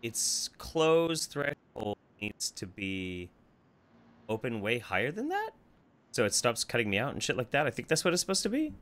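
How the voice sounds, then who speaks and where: A man's voice: medium pitch, very animated, normal speed, fairly bright tone. Man with his voice chopped by a noise gate. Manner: casual, swears freely, thinks aloud while fixing settings. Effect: noise gate chopping off word endings. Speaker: livestream podcast co-host. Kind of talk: casual livestream chat.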